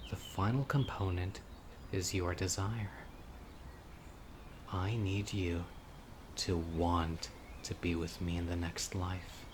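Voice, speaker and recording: In an audio roleplay, a man with a low voice plays a dying young male witch, an obsessive yandere devoted to his beloved. His dramatic monologue to the listener is slow, intimate and pleading. It was recorded outdoors in noisy nature ambience, with crickets, other insects and birdsong around him.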